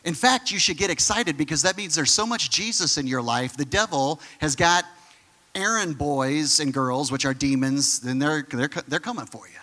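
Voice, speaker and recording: A man preaching with a bright, forceful, fairly high voice. He talks in an animated, conversational way, full of quick asides. The sound rings with long reverb, as in a big hall. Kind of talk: sermon.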